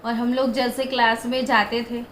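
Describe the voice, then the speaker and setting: A woman physics teacher with an Indian accent, giving a classroom lecture in slow, deliberate explanations and chanting memory rhymes in quick bursts. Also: on the high side, little pitch movement, a bit bright, echoey room, a little hiss or hum, rough recording. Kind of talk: classroom lecture mixing Hindi and English.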